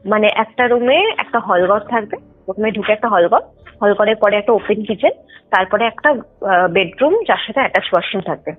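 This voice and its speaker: Over a tinny phone line with background music underneath, a young woman casually tells her personal ghost experience. Her mid-range voice moves fairly quickly, and she explains details, mixes in English words and often adds check-in tags.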